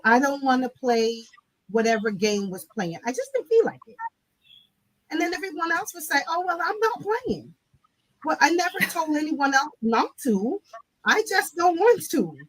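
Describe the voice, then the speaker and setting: A woman's voice: sits high, dry recording, low-quality recording. A woman from Barbados, a guest speaking reflectively in an interview and often asking "right?". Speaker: guest, nonprofit CEO. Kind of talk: conversational interview.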